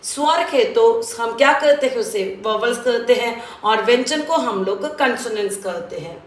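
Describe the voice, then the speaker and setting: A woman's voice: fairly high pitch, moderate pace, reverberant. A woman from South India with a South Indian accent, teaching children a Hindi grammar lesson patiently, repeating and drilling sounds and mixing in English words.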